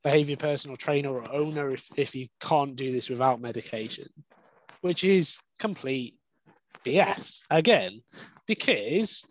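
A man's voice: medium pitch, no room sound, rough recording. A young man, a dog behaviourist, talking candidly and at length in a podcast interview. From Wales. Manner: candid, conversational, explains at length.

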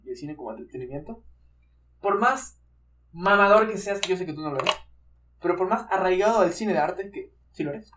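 A man's voice: sits high, very noisy. A young man with a Mexican accent, co-hosting a casual film podcast with a joking, slangy manner. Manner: joking, slangy, quick back-and-forth. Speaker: podcast co-host.

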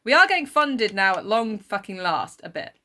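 A young woman co-hosting a podcast with a bright, crisp tone and a lively, varied lilt. She chats casually, laughs easily and swears playfully. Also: medium pitch, normal speed. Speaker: podcast co-host. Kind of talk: casual chat.

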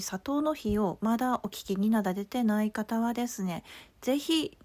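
A woman podcast host with a Tsugaru dialect, telling a story in a casual, animated way with many asides. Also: on the high side. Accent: Tsugaru dialect of Japanese. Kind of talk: casual solo audio chat.

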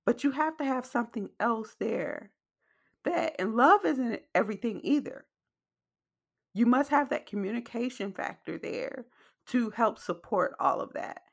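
A woman's voice: on the high side, animated, measured pace, gravelly. A woman hosting a reflective podcast conversation, speaking emphatically and repeating phrases for stress, with wet mouth clicks as she talks. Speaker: podcast host.

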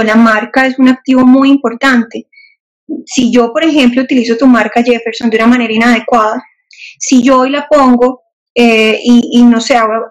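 A woman guest explaining legal matters in an interview, measured and clear, using examples and asking rhetorical questions. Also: fairly high pitch. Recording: dull muffled audio.

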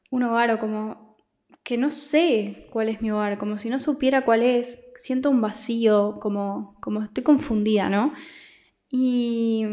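A woman's voice: fairly high pitch, darkish tone. Confiding Argentine woman, rambling. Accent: Argentine Spanish. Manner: rambling, many restarts, confiding. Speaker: podcast host. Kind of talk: personal reflective monologue.

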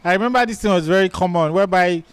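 High-voiced Nigerian man, laughing often. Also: smooth, no room sound. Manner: laughs often, recalls things in halting bursts. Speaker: podcast co-host. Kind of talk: casual chat.

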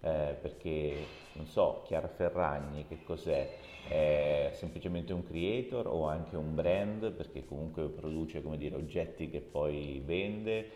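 A man, an author, answering interview questions in a reflective, measured way with a light touch of humor. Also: a bass voice, dark tone. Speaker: author and guest. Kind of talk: podcast interview. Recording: echoey room with long reverb.

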